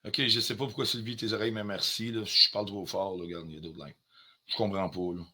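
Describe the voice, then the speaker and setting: A man's voice: fairly low pitch, fairly even intonation, fast talker, pushed and bright, husky. Heated Quebec French man ranting live. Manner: confrontational, heated, swears often, drops in English phrases. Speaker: livestreamer.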